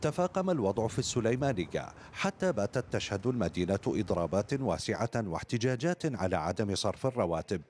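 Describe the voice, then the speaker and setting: A man's voice: lowish voice, very animated, fast talker, a little mellow, a little hiss or hum. A middle-aged man narrating a scripted television news report.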